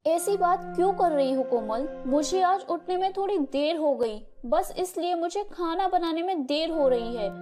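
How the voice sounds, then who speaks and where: A woman voicing a patient young daughter-in-law who speaks gently and pleads, with faint music behind. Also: extremely high pitch, animated, moderate pace, few pauses. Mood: pleading.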